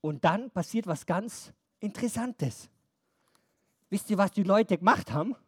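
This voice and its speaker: A woman telling a Bible story to a group of children, animated, asking them questions and counting along with them. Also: medium pitch, a little slow, husky, no room sound, studio quality.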